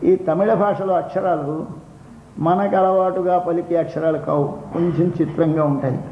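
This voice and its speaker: Older male discourse speaker, high voice, repetitive explaining style, roomy lo-fi recording. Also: steady tone. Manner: expounds slowly, repeats phrases, chants verses in song. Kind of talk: devotional discourse explaining a Tamil hymn. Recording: roomy, dull lo-fi recording with faint noise.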